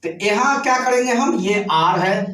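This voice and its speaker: A male teacher with a notably high voice lectures his class, walking through each point step by step and repeating key words slowly. He is picked up from a distance, so the sound is roomy and echoing. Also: fairly bright tone. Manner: addresses students with checking questions.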